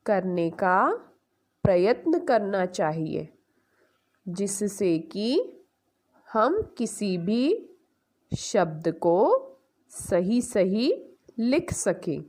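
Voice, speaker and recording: A woman's voice: mid-range voice, darkish tone. A woman teacher giving an online grammar lesson to young pupils, explaining step by step and asking the class questions before answering them herself. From India. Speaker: school teacher.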